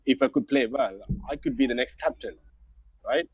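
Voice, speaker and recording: A man's voice: mid-range voice, very animated, normal speed, vocal fry, darkish tone, slight background noise, poor audio. A man guest in a casual online interview, talking earnestly and encouragingly in simple phrasing over a call.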